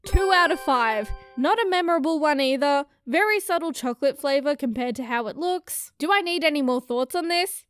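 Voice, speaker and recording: A young Australian woman recording voice-over, handing out quick joking verdicts on snacks. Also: sits high, expressive, fairly bright tone. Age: young adult. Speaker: vlogger giving snack ratings. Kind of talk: voice-over commentary. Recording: dry voice-over, faint music.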